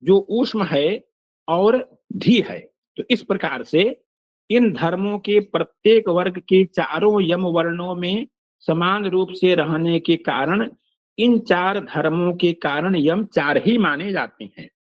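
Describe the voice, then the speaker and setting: An older man teaching Sanskrit phonetics in a slow, measured lecture, pausing to recite verses and examples. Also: high voice, dry recording. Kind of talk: lecture explaining a text line by line. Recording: dull, lo-fi dry recording.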